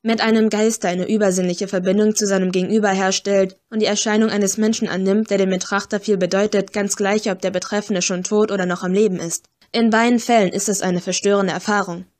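A woman's voice: mid-range voice, little pitch movement, fairly quick, hardly any pauses, a little mellow, natural voice. A woman voicing a stocky, bookish young man who explains ghost lore in an audiobook. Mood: earnest explaining.

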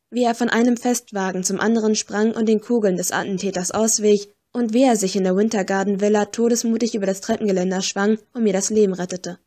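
A woman reading a first-person story aloud with steady, expressive storytelling. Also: medium pitch. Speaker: audiobook narrator. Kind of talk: scripted first-person narration.

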